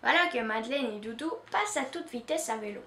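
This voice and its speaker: A woman from Canada reading a children's story aloud in an expressive, measured way. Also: fairly high pitch, roomy sound, a little hiss or hum. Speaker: reader.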